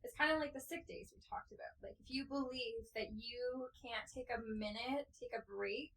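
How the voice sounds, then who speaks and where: A woman's voice: a little high, moderate pace, a bit bright, poor audio. A woman co-hosting a podcast, talking openly and emotionally, tearful as she speaks. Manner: open, emotional, talks through tears. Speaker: podcast co-host. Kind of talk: casual chat.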